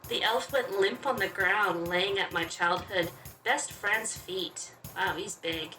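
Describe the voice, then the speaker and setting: In a roomy, distant recording with game music behind her, a woman reads a game's story aloud and reacts chattily as she plays. Her voice is medium in pitch, slow, bright and forceful. It's a let's play, mixing commentary with expressive reading of the story text.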